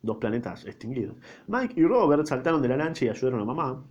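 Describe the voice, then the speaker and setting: A man's voice: medium pitch, big pitch swings, quick pace, a little mellow. A man with a Rioplatense accent reading a book aloud and breaking in with casual, slangy comments, in a slightly dull lo-fi recording. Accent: Rioplatense Spanish. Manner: informal slangy asides.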